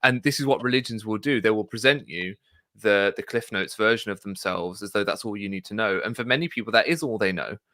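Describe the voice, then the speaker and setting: Man, low voice, bright and forceful tone, dry close sound, analytical podcast host. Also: brisk, no room sound. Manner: thoughtful, analytical, with frequent fillers. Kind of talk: casual discussion.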